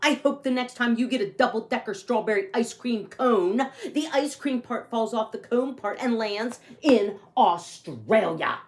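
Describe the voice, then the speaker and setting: A woman's voice: a little high, expressive, a little slow, hardly any pauses, pitched above the performer's own voice. A woman voicing a grumpy, aggrieved young boy who narrates his bad day in a storybook, with emphatic complaining. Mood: spiteful.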